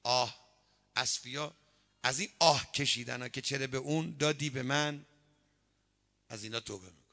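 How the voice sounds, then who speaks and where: A man preaching a sermon, telling stories and acting out the quoted dialogue in an animated way. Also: medium pitch. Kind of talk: sermon with storytelling.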